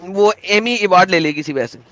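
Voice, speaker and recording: A man's voice: sits high, a little fast, fairly bright tone. A young man hosting an online debate, talking in a theatrical, emphatic and combative way over a video call. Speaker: debate host. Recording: dull lo-fi dry sound.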